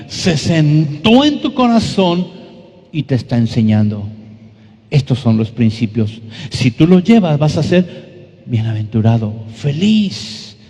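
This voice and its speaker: Male pastor, mellow high-set voice, sermon delivery with rhetorical questions and slow emphatic low drops, long church-hall reverb. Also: breathy edge.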